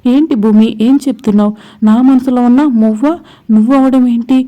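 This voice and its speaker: A woman's voice: fairly high pitch, steady tone, fairly quick, dark tone, pitched above the performer's own voice, lightly acted. A woman voicing a stunned young man asking questions in disbelief. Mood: bewildered.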